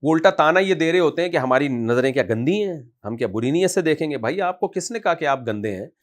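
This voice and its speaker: A man, an Islamic scholar, answering a question in a conversational religious talk, scolding and forceful in manner. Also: on the high side, expressive.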